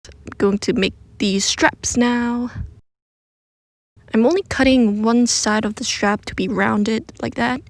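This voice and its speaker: She talks slowly in a creaky, high-leaning voice without any echo, hiding under a blanket for a close, muffled sound. As a craft video creator, she narrates her DIY try with easygoing self-deprecation.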